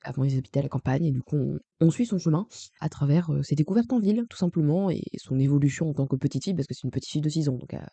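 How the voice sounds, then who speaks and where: A young man with vocal fry and a morning voice, chatting casually to camera as a vlogger in a rambling, self-correcting way. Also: fairly high pitch, very fast, dark tone, dry recording. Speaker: manga vlogger.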